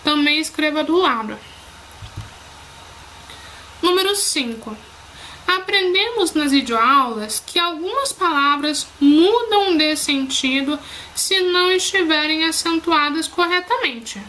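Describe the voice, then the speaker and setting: A Brazilian woman teacher giving a recorded lesson for children, speaking clearly and spelling words out slowly by syllable. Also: sits high, animated, sharp tone, a little hiss or hum, rough recording. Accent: Brazilian Portuguese.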